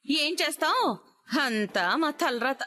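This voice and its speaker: A woman's voice: sits high, expressive, slow, sharp tone, heavily acted. An actress playing a scornful, proud middle-aged mother-in-law in a TV serial, sneering and scolding. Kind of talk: TV serial acting.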